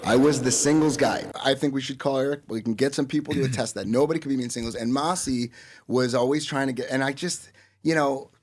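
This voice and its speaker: A man's voice: medium pitch, fast, faint music behind. A man co-hosting a podcast in casual chat, boastful and rambling with lots of fillers. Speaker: podcast co-host.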